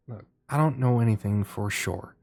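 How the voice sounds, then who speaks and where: A man doing a hushed, flirty elf courtesan. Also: very deep voice, creaky, exaggerated voice. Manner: hushed, secretive, sometimes snappish. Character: flirty nervous wood elf courtesan woman.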